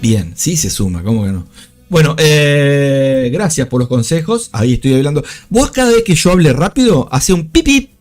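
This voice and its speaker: Fast, lively Rioplatense trading host. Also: male voice, on the high side, faint music behind. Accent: Rioplatense Spanish. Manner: fast, animated talker. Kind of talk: live stream trading commentary.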